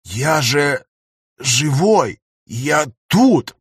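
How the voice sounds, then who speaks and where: A man with a husky voice voicing an elderly male professor who pleads and rises to near shouting. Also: a little high, big pitch swings, drawn-out words, dry recording, studio quality, full character voice. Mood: disbelieving.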